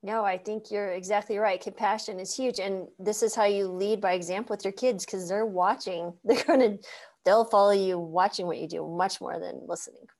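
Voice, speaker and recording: A woman's voice: medium pitch, steady tone, moderate pace, a little mellow. Woman in her fifties, podcast host, bubbly, laughs often, casual chat. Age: 50s. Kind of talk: casual interview.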